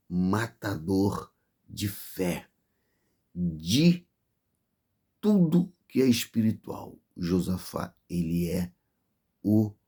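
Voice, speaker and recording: A Brazilian man preaches in a low, dark and husky voice. He speaks slowly and warns his listeners with fervour, stacking phrase on phrase. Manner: fervent, warning, piles up repeated phrases. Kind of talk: sermon.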